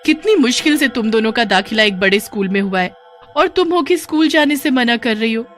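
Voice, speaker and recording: Warm cartoon mum, voiced by a woman, gentle, encouraging, a bit higher than usual. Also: expressive, brisk, faint music behind. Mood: coaxing. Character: poor, loving, hopeful working mother.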